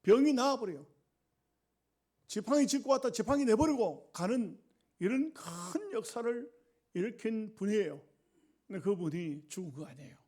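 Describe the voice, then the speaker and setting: A male pastor preaching a sermon, telling a story dramatically and often letting his voice sink low and quiet. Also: lively intonation, moderate pace, pauses often.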